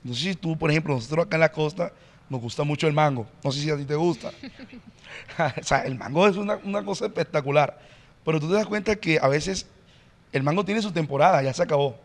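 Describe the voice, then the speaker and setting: A male pastor explaining in an earnest, teacherly way as a podcast guest, often pausing on "eh". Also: a little high, in a large hall. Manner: earnest, teacherly, frequent "eh" fillers. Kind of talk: podcast interview, preaching-like explanation.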